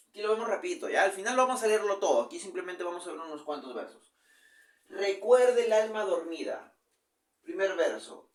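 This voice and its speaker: A man's voice: high voice, far from the mic. Male teacher in an echoey room. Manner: explanatory, checks in with frequent "¿ya?". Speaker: literature teacher. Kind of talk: virtual class lecture.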